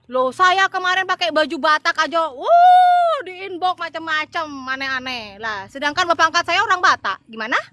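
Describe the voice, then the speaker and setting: A woman's voice: extremely high pitch, lively intonation, brisk, hardly any pauses, bright, forceful tone, slight background noise. A middle-aged woman from Madura, Indonesia, an evangelist talking casually to her viewers, stressing and repeating her points. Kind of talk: casual livestream talk to viewers.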